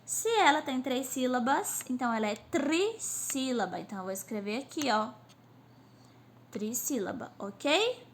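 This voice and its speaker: Woman teacher drilling syllables slowly. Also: high voice, animated, a little hiss or hum. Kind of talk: online class lesson. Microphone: phone on a stand.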